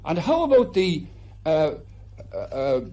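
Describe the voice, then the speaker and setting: A man conducting a formal broadcast interview, courteous and measured, with some hesitation in his questions. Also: on the high side, huge pitch swings, warm tone.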